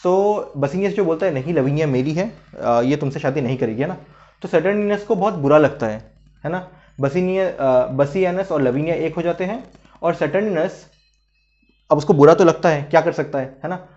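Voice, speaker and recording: A man with a slightly high voice talks through a story as a relaxed teacher. He keeps checking in with his listeners and restarts when a name slips. The recording sounds dull and lo-fi. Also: moderate pace. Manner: chatty, frequent "hai na" and "theek hai" check-ins; hesitant restarts while recalling names. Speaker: literature teacher. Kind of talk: casual explanatory lesson.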